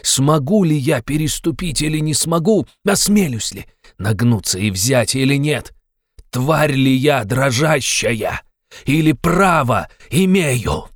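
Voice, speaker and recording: A man's voice: mid-range voice, animated, slow pace, no echo, studio quality, pitched above the performer's own voice. A man reading an audiobook, playing a tormented young man who confesses in a brooding, agitated way. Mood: feverish confession. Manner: brooding, agitated, bitterly insistent.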